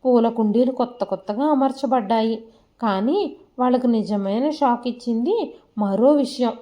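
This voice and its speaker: A woman telling a scripted emotional family story as a storyteller, reading in a steady, emotive way. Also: fairly high pitch, normal speed.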